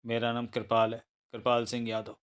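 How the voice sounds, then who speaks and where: A man's voice: medium pitch, moderate pace, clean tone, close to an everyday voice. A man voicing a confused young husband who claims to be another man, in a read-aloud thriller novel. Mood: bewildered. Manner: bewildered then calm and explaining.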